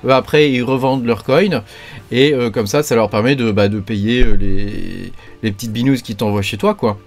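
A man's voice: mid-range voice, normal speed. Man, YouTube crypto host, chatty and rambling, mid voice, light music bed. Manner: rambling, heavy fillers and verbal tics. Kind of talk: joking casual video talk.

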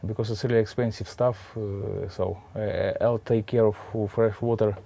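A man with a Russian accent speaking halting, simple English in a casual interview, often repeating words. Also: lowish voice, steady tone, gravelly, warm tone. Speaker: adventurer and sailor, interviewee. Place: on a sailboat in a marina, cockpit and cabin. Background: music.

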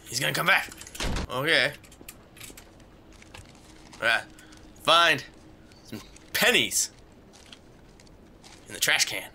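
A man's voice: on the high side, lively intonation, takes it slowly, creaky, long pauses, sharp tone, slight background noise. A man giving let's play commentary on a horror game, muttering to himself and yelping at every scare. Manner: jumpy, yelps and screams at scares. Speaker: gamer playing a horror game.

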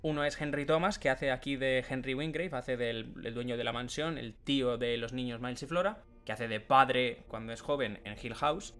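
A man's voice: mid-range voice, normal speed, hardly any pauses, fairly bright tone. A man from co-hosting a podcast, chatting casually and explaining things at length. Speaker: podcast co-host. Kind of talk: casual chat.

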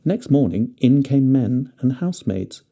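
A man narrating a fairy tale with gentle, expressive storytelling. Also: medium pitch, measured pace.

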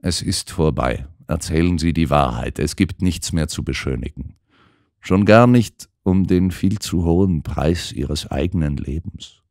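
A man voicing a calm, shrewd gentleman detective who lays out his reasoning in measured, precise sentences, in an audiobook. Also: very deep voice, no room sound, clean studio sound. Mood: insistent. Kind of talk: audiobook character voice.

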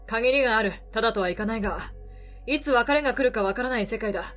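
A woman voicing a middle-aged male travel reporter from a game, world-weary, kindly, calm and measured. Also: soft background music, natural voice. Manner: calm, low, measured delivery. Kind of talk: reading game dialogue in character.

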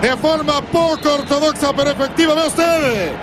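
A man doing excited football match commentary, shouting dramatically as he calls the play. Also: very high-pitched, moderate pace. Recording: noisy broadcast with roaring crowd.

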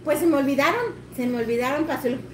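A woman with a Mexican Spanish accent, chatting casually and telling lively stories with laughter. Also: high-pitched, quick pace. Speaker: co-host, friend. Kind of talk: casual storytelling chat. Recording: echoey room with noise.

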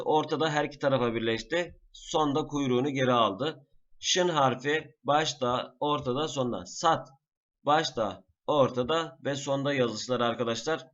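A man teaching a class in a screen-recorded lesson, patiently naming each item slowly and repeating it. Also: mid-range voice, highs cut off. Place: at a computer.

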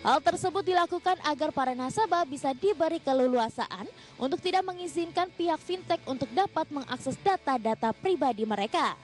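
A woman with a high voice reads a scripted business news voice-over in a bright, upbeat way. Faint music plays under her studio narration. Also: expressive, brisk. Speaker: segment presenter.

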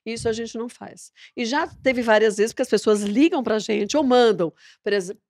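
A woman, a TV presenter, chatting as a podcast guest and telling a story lively, acting out the dialogue. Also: on the high side, moderate pace, no room sound, studio quality. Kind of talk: casual interview chat.

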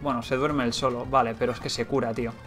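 A young man with a Spain Spanish accent commentating a video game as he plays, thinking aloud, getting excited and swearing. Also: medium pitch, fast talker, music in the background. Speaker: let's play gamer.

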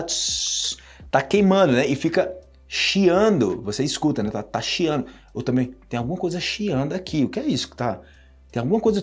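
A man's voice: on the high side, breathy edge. A man from Brazil with a Brazilian Portuguese accent, giving a casual, playful video lesson and acting out sounds as he explains words. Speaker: Portuguese teacher.

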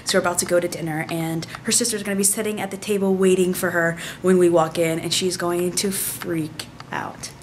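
A woman's voice: lowish voice, steady tone, a little fast, hardly any pauses. A woman in her twenties narrating and chatting casually as a vlogger, recorded on a noisy handheld camera. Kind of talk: casual vlog narration and chat. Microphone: handheld camera at arm's length.

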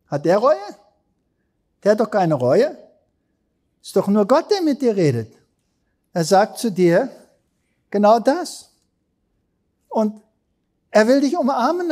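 Male preacher, sermon, mellow dark voice, emphatic storytelling, rhetorical questions. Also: sits high.

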